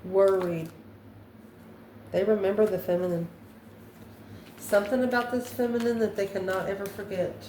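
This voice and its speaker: In an echoey room with faint background noise, a woman who hosts a channel gives an improvised tarot reading, musing aloud and answering her own questions. She speaks at normal speed with a steady, mellow, medium-pitched voice and long pauses.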